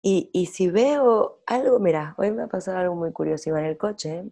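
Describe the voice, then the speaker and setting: A woman's voice: fairly low pitch, normal speed, vocal fry. A woman, a guest in an interview, telling stories animatedly and acting out her inner dialogue. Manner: animated storytelling, acts out inner dialogue, repeats phrases. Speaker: guest, women's workshop leader. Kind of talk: reflective conversational interview.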